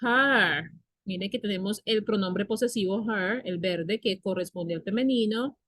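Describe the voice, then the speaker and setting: A woman teacher whose first language is Spanish walks through English grammar at a slow, unhurried pace, repeating and sounding out words with patience. Her voice sits at a middle pitch, and it is recorded close and dry with almost no room sound. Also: a bit bright, no echo. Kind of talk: online class explanation.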